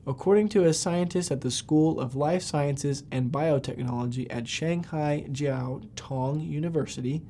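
A man narrates scripted podcast facts in a somewhat high, relaxed and mellow voice. He reads aloud and now and then stumbles on a word. A faint low rumble sits behind him. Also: a little slow, hardly any pauses. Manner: reading aloud with occasional stumbles. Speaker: podcast host.

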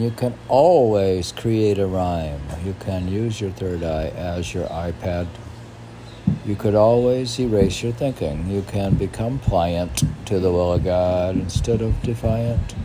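Background noise sits under a man's fairly low-pitched voice as he reads his own poems aloud. Between readings he wanders into casual remarks, frequently posing questions to himself.

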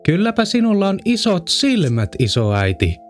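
A man's voice: deep voice, steady tone, darkish tone, faint music behind, close to an everyday voice. A man voicing a small, earnest young girl in a storybook reading, exclaiming in a wide-eyed way.

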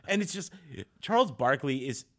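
A man's voice: a little high, very animated, normal speed, a bit bright. A man co-hosting a casual sports podcast, talking loosely with restarts and frequent laughs. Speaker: podcast co-host.

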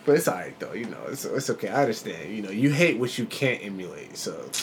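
A man's voice: lowish voice, sing-song, fast talker, slight background noise. A man co-hosting a podcast in casual, comedic chat, slangy, rambling and playful. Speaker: podcast co-host.

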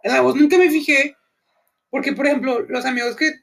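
Young man, Mexican accent, very high voice, fry, slangy casual talk. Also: steady tone, fairly quick, a bit bright. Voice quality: unusually high voice. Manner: laid-back, slangy, laughs often. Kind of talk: casual chat.

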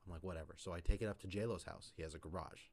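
Very deep-voiced man telling a rambling story. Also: steady tone, rapid-fire, darkish tone. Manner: rambling, filler-heavy storytelling with lots of "like". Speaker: podcast co-host. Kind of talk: casual storytelling chat.

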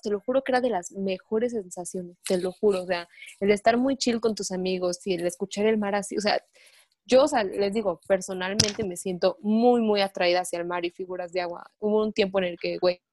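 A young woman with a Mexican Spanish accent, chatting casually with friends and telling stories in a slangy, animated way. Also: medium pitch, a little fast, dry recording. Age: young adult. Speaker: student. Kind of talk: casual chat among friends.

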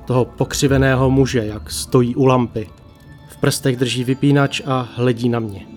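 Hushed male horror-story narrator. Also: medium pitch, steady tone. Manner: slow, hushed dramatic telling with long pauses. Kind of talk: creepypasta narration. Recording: faint music bed.

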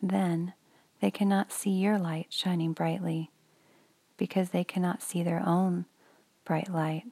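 A woman guiding a children's meditation speaks in a hushed, breathy near-whisper, slow and soothing. Her voice is low, dark and gravelly, her pace even and unhurried, and the sound is dry and close with no room echo.

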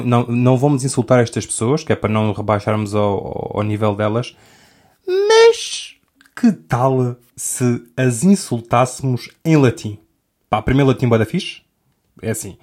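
Medium in pitch and a little mellow, this young man's voice carries a European Portuguese accent as he hosts a podcast. His casual comedic monologue wanders and keeps interrupting itself, broken up by frequent laughter.

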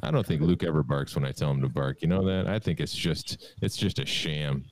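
Very deep-voiced joking male host. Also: fairly quick, rough recording. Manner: joking, teasing. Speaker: podcast host. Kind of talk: casual podcast banter.

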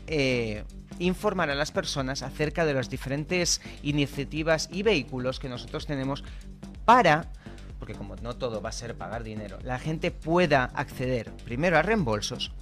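A man from Spain with a Spanish accent and a medium-pitched, fairly bright voice sits at a studio table as a guest, a communications director being interviewed. He explains things patiently and checks that he is understood.

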